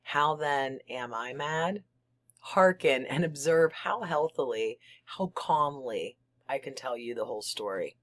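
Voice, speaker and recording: Gothic horror monologue: mad, gleeful murderer, slow-paced, emphatic and theatrical, insistently claiming sanity. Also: medium pitch, lively intonation, a bit bright. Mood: intense, insistent. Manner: halting, theatrical, emphatic, breaking into whispers and chuckles. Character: unhinged murderer, insisting he is sane, gleefully confiding. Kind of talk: dramatic reading of a gothic horror story.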